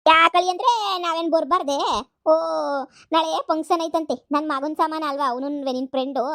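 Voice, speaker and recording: A woman's voice: sits high, moderate pace, bright, forceful tone. A woman voicing a scheming, greedy mother in a cartoon comedy, nagging and wheedling. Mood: boastful. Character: scheming greedy rural mother, middle-aged.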